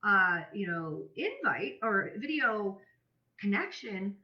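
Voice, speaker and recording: In a slightly dull recording with a roomy echo, a business coach gives a casual tutorial, acting out example messages in a chatty, conversational manner. Her medium-pitched voice is very animated but slow.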